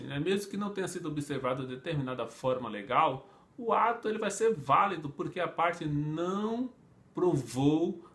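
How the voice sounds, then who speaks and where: A man's voice: on the high side, a bit bright. Brazilian male teacher, chatty lecturing. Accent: Brazilian Portuguese. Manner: conversational, asks rhetorical questions, acts out imagined speakers; frequent tag questions and fillers. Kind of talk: online law lecture.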